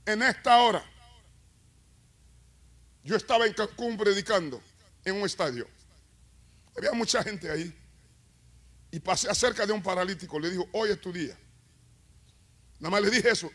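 High-voiced preaching man, building to shouts. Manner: preaching with rising, shouted climaxes and call-and-response. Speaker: evangelist. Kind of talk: sermon. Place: church.

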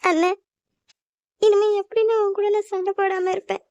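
A woman's voice: very high voice, little pitch movement, a little fast, fairly bright tone, no echo, clean studio sound. A woman voicing a crying young bride in a cartoon family drama, pleading and apologetic. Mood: tearful. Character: tearful young bride leaving home.

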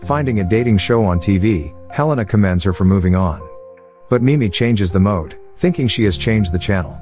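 A man reading a scripted movie recap as narrator, with a steady, even storytelling delivery. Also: fairly low pitch, a little fast, faint music behind.

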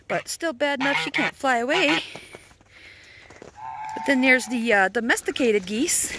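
A high-voiced woman talks slowly and fondly to her pet goose, slipping into cooing baby talk and soft chuckles. She is out in the cold on a farm, with geese honking and wind noise clearly audible around her. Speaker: vlogger. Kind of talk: casual outdoor vlog with pet geese. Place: outdoors on a cold farm property.

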